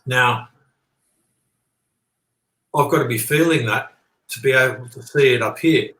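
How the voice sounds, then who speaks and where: This guest's voice is mid-range and a bit bright, and he talks a little slowly. In a roomy, echoing recording, he lays out his ideas in a rambling, sincere manner, often restating things and asking if the listener follows.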